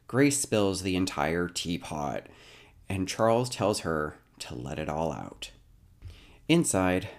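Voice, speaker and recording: A man casually recapping a TV episode, dropping wry asides and jokes. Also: lowish voice.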